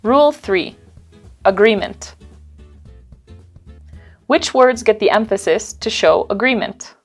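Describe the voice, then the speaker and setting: A woman narrating a scripted English lesson in a clear, measured way, stressing key words. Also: mid-range voice, lively intonation, soft background music. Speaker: instructor.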